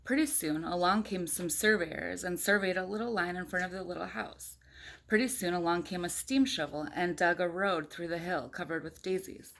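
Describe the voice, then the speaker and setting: Low-ish, creaky, and a little bright, this woman's voice moves at a moderate pace. She's a mother giving a casual picture-book read-aloud for young children and viewers, full of friendly asides and questions.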